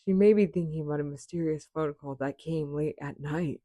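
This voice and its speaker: A woman voicing an earnest, polite, curious young actress in an anime fan dub, with theatrical, deliberate, formal phrasing. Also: sits low, dark tone, dry recording. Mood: pensive, absorbed.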